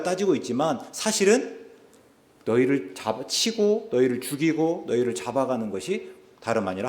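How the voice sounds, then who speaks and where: A man's voice: on the high side, a little mellow. A man preaching a sermon as a pastor, explaining scripture step by step and asking rhetorical questions of the congregation. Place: church sanctuary. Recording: echoey church hall.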